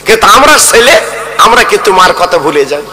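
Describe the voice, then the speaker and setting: A man preaching a sermon with storytelling, in a sing-song chant that rises into high wailing appeals. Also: sing-song, fast talker, pushed and bright, big-room sound, low-quality recording. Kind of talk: Bengali waz sermon with storytelling.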